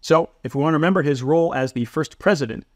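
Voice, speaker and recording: A man's voice: on the high side, fast talker, no room sound. A man narrating a psychology lesson in a methodical, explanatory way, with dry self-deprecating humor. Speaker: psychology instructor. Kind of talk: scripted educational narration.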